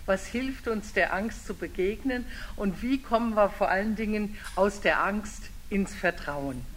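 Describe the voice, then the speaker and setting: An older woman from Germany, a theology lecturer, giving an informal, lively public talk and reading a picture book aloud in a storyteller's rhythm. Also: mid-range voice, measured pace, slight background noise.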